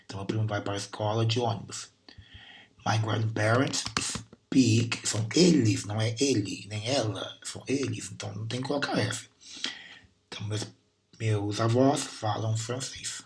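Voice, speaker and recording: A man's voice: lowish voice, a little fast, a little hiss or hum. A Brazilian man teaching English grammar and pronunciation, patiently repeating sounds and words to demonstrate them. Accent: Brazilian Portuguese. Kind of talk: recorded class lesson.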